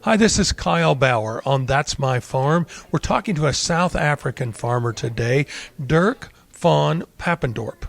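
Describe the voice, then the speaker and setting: Creaky-voiced male radio interviewer. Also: on the high side, expressive, measured pace, soft background music. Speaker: host, interviewer.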